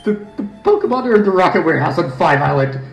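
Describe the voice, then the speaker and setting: A cocky villain's henchman from a video game , acted out by a man, sneers and exclaims defiantly. The voice is pushed high and echoes in a large room. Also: expressive, quick pace, faint music behind. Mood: grudging, taunting. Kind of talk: dramatised game dialogue.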